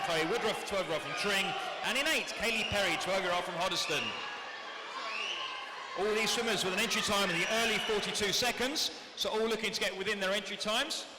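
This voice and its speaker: A man announcing a swimming meet over a PA system, reading lanes, names and times briskly and matter-of-factly, with race commentary. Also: high voice. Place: indoor swimming pool hall. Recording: echoey PA sound in a large hall, with noise.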